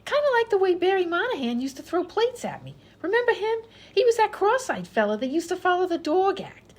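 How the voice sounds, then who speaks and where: In an old-time radio comedy, a woman with a very high, sing-song, brisk voice plays a dim-witted vaudeville patient. Chatty and oblivious, she rambles on in folksy, ungrammatical speech.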